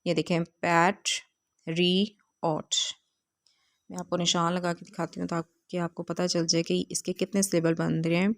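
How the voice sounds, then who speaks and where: Flat-voiced woman teaching English slowly. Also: on the low side. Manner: slow, careful reading of English lines, explained in Urdu; hesitant fillers while explaining. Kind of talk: video lesson explaining a textbook.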